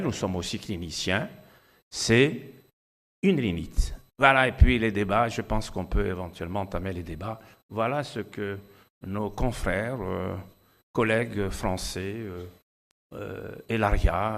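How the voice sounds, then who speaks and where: A middle-aged man with an Algerian French accent, an ENT doctor giving a conference lecture, chatty and anecdotal with many hesitations. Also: lowish voice.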